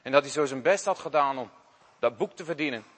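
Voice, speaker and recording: A man narrating a Christmas story in an expressive, conversational way. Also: mid-range voice, fairly quick. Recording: long hall reverb.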